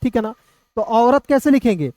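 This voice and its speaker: A man runs a casual classroom lesson in a high voice. He keeps asking his viewers quick questions and answering them himself. The sound is dry and close, with no room around it. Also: expressive, dark tone, no room sound. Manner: repeats rhetorical questions to viewers. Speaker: English teacher.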